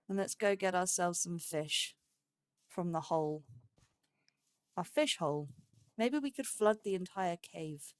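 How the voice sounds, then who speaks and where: A lowish female voice, with no echo in the recording. She narrates a let's play as a gaming host in a chatty, casual way, thinking out loud and speaking to the game animals.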